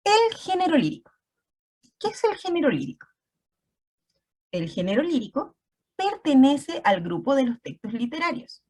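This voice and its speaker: A woman's voice: high voice, sing-song, moderate pace, long pauses, darkish tone, slightly rough. A woman teacher giving an online class, explaining step by step and often checking in with her students.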